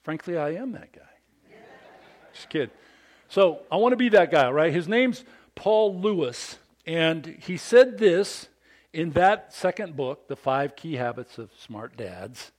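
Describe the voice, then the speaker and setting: A fifty-something pastor preaches to fathers, his large, animated style calling out for the congregation's amens. His voice leans high and his pace is slow.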